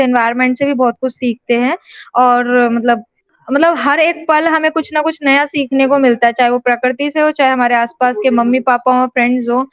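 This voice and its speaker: High-voiced female student on a dull line. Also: dry recording. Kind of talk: answering in online class.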